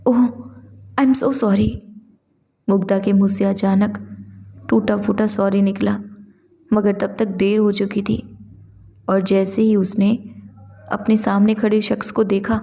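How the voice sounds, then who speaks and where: A woman narrating a story in an expressive, conversational way. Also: mid-range voice, unhurried, creaky, pauses often.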